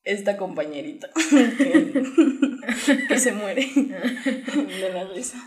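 A woman's voice: medium pitch, animated, slow. A woman co-hosting a podcast, reading listener questions and joking with her co-host, laughing often. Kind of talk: casual podcast chat. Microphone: podcast microphone.

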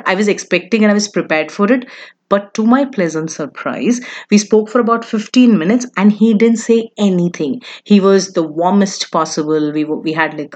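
A woman tells a personal story to the camera in a relaxed, conversational way. She keeps turning to the listener with little asides, confiding and chatty throughout. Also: fairly low pitch. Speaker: vlogger telling a personal story.

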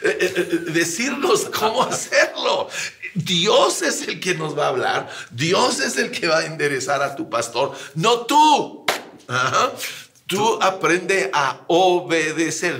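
A man with a bright, forceful voice talks like a pastor preaching in conversation. He is animated, acts out the people he quotes, and now and then barks out a drill command. His pitch sits a little high for a man.

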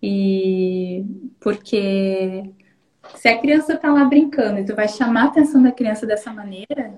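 A woman's voice: medium pitch, a little slow, darkish tone, poor audio. A woman educator from Brazil, explaining conversationally with examples during a live talk.

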